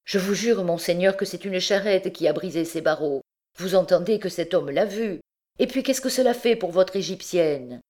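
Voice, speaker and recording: A woman reading an audiobook, voicing a desperate, frantic old recluse mother who pleads in a high, strained voice. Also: moderate pace, darkish tone, natural voice. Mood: pleading. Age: older.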